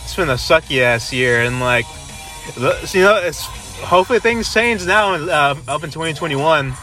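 A man's voice: a little high, animated, normal speed, pushed and bright, faint music behind. A man in his twenties co-hosting a podcast in casual chat, rambling with lots of fillers and restarts. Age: 20s. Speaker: podcast co-host.

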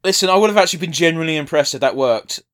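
A man's voice: on the high side, animated, rapid-fire, fairly bright tone. A man giving casual, blunt, sweary commentary as a podcast co-host. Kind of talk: casual watch-along commentary.

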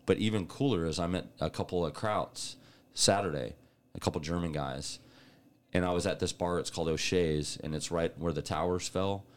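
A man co-hosting a podcast, telling animated stories in casual chat and laughing often. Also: low voice, normal speed. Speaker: podcast co-host.

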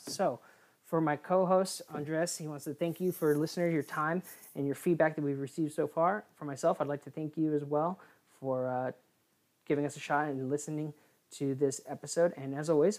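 A woman co-hosting a casual sports podcast, rambling through a news roundup with frequent filler pauses and self-corrections. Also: deep voice, fairly even intonation, a little mellow. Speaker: podcast co-host.

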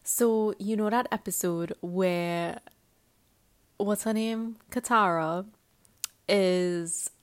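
A woman's voice: mid-range voice, extremely slow, pauses often. A woman hosting a casual solo podcast, rambling and giggly, with lots of fillers. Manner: rambling and chatty, heavy with fillers; giggly and excitable. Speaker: podcast host.

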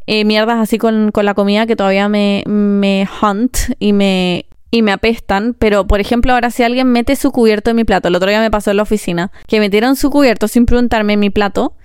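Expressive Chilean woman ranting casually. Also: fairly high pitch, clean tone, no room sound, studio quality. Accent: Chilean Spanish. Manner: expressive, swears often, quick bursts and pauses. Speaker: vlogger. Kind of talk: casual vlog rant.

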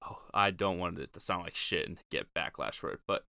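A man's voice: deep voice, brisk, gravelly, bright, forceful tone, clean tone, dry recording, studio quality. A man hosting a podcast in a casual, blunt, informal monologue, recorded in a closet at home. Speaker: podcast host. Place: small closet in a home bedroom.

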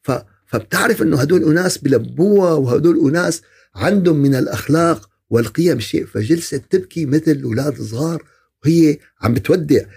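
Man, religious podcast talk, gravelly husky voice, pitched a bit high, answers his own questions. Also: expressive, fast talker, a little mellow. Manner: asks rhetorical questions and answers them himself. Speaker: religious speaker.

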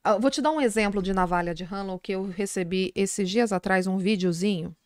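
A middle-aged woman, a psychologist guest on a podcast, telling an anecdote in a lively, casual way. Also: medium pitch, brisk, clear, resonant tone, no room sound, studio quality. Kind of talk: casual storytelling in a podcast interview.

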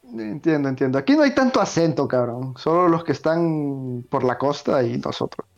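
A man with a Honduran accent in an expressive casual chat with a friend, swearing and laughing as he talks. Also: medium pitch, moderate pace, lo-fi sound, faint music behind. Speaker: friend chatting.

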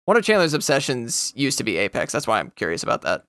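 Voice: mid-range voice, wildly swooping pitch, fast, no echo. A young adult podcast co-host chatting casually, rambling and swearing often. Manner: rambling, swears a lot, breaks into loud goofy impressions. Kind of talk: casual chat.

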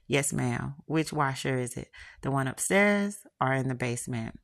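Woman voicing a low gravelly repairman. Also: expressive, normal speed, full character voice. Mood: smooth, flirty. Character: confident male appliance repairman, smooth talker.

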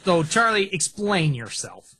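A man co-hosting a casual music review show, talking in an animated, joking way into a headset mic. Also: sits high, measured pace, slightly rough. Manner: animated, joking, breaks into song snippets and shouts. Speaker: podcast co-host reviewing music. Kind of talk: casual chat.

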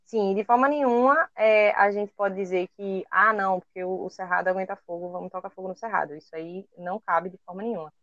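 A woman's voice: mid-range voice, no echo. A woman with a Brazilian Portuguese accent, co-hosting an educational podcast and explaining carefully, with frequent hesitations as she searches for words. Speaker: co-host. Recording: dry, dull lo-fi recording.

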